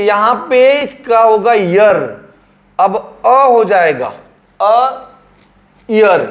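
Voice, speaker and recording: A male teacher explaining grammar at a board, repeating words and drawing them out. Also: extremely high pitch.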